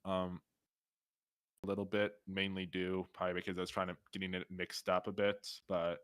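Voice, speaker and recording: A man's voice: deep voice, monotone, moderate pace, fairly bright tone, smooth, no room sound. A man hosting live weather commentary on a storm stream, hesitant with many fillers and restarts.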